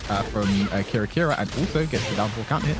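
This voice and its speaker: A man's voice: lowish voice, expressive, quick pace. A man co-casting a live fighting game tournament as an esports caster, reacting to and analysing the play. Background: music.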